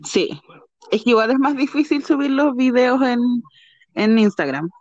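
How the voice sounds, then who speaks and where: Chilean woman co-host, calm dry humor, slightly raised pitch, muffled close recording. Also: normal speed. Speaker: podcast co-host. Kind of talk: casual chat.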